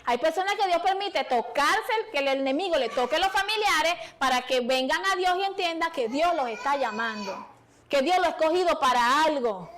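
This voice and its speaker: A woman's voice: sits high, a bit bright, a little hiss or hum. A woman preacher giving a fervent sermon in a small church, calling out to the congregation and pleading with them.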